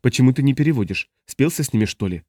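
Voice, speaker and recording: A man's voice: medium pitch, lively intonation, fast talker, mellow, no room sound, close to an everyday voice. Sly straw-mouthed creature, hissing, fawning, rustling, read by a man, dry sound. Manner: hissing, wheedling.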